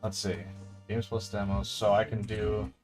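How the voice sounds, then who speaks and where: A man's voice: fairly low pitch, completely flat delivery, moderate pace, soft background music. A man casually commenting on a video game he plays with his wife, joking and laughing often. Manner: playful, jokey, laughs often. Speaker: let's play host. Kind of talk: casual gameplay commentary, reading dialogue aloud.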